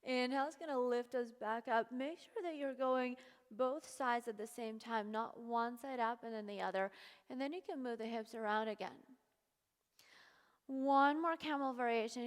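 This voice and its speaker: A woman leading a yoga class, giving calm, encouraging step-by-step cues and sounding slightly out of breath. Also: a little high, long reverb tail. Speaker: yoga instructor. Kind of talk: guided yoga class instruction.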